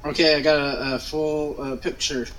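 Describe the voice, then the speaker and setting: A man's voice: a little high, level tone, moderate pace, fairly bright tone, low-quality recording. A man chatting casually as a co-host, giving blunt, profane, slangy off-the-cuff commentary. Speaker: co-host of a wrestling watch-along.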